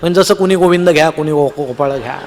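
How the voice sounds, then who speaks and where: A man with a Marathi accent spins a comic tale on stage, his voice sitting a little high for a man and ringing with long hall reverb. He jumps into the voices of each person in the story with lively timing. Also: quick pace. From Maharashtra, India. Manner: animated, acts out voices of the characters in the tale. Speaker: humorous storyteller.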